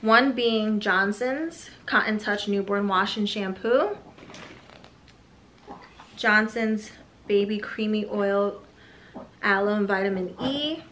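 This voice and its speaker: A young expectant mother, slightly out of breath, chats casually through a haul of baby items for a product vlog, full of fillers and asides. Her mid-range voice is slow with long pauses, against a noisy background.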